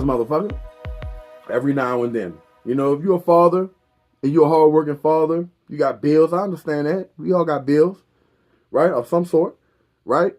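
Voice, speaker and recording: Reviewing beer and cigars, this thirtysomething vlogger has a fairly high voice with a darkish tone. His rambling talk is loose and repetitive, peppered with swearing, and it wanders off into preachy advice about life.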